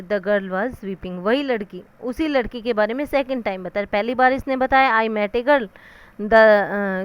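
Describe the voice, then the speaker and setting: A woman teaching English grammar, explaining the rules in Hindi. She asks questions and answers them herself, and reads out the English rules slowly. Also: fairly high pitch, clean tone.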